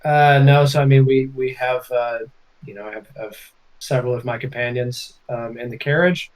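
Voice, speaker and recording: A man takes part casually in a tabletop game, feeling his way through what his character says. His pitch is average and his delivery is hesitant. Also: fairly even intonation, normal speed, rough recording.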